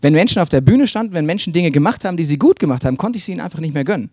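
A man's voice: a little high, animated, very fast, darkish tone, dry recording. Confessional male preacher, dry close sound. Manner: personal, confessional, with frequent restarts and fillers. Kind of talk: sermon.

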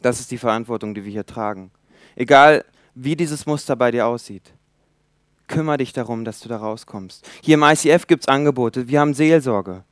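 A man in his twenties preaching a sermon in a church, emphatic, swinging between loud appeals and quiet asides. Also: medium pitch, a little fast, dry recording, studio quality. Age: 20s.

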